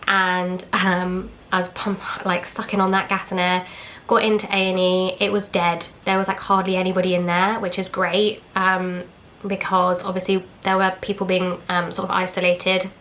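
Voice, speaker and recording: Low, flat-voiced woman telling a story. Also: normal speed. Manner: candid, chatty, retells with quoted dialogue and fillers. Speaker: vlogger. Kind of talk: casual storytelling.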